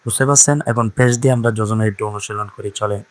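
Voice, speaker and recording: A man's voice: lowish voice, fairly even intonation, fast talker, dry recording. A man teaching Quran reading in a patient spoken lesson, spelling out letters one by one and repeating each sound.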